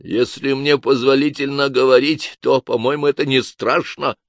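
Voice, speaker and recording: A man voicing a sly, smooth-talking male schemer in an audiobook. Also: mid-range voice, fairly even intonation, normal speed, no echo, pitched above the performer's own voice, lightly acted.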